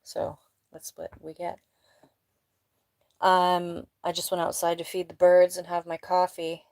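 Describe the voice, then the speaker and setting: Tarot reader: a woman with a lowish voice, blunt and emphatic, a bit sniffly, dry close sound. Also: completely flat delivery, unhurried, vocal fry, a little mellow, no echo. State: sniffly nose. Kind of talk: casual live tarot reading. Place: indoors at home.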